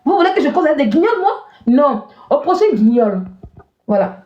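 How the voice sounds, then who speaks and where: A woman's voice: high voice, very animated, moderate pace. A woman hosting a live stream, mocking and scolding callers with scorn and lots of repetition. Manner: mocking, scornful, repeats herself. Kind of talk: insulting live-stream chat. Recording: roomy, dull lo-fi stream audio.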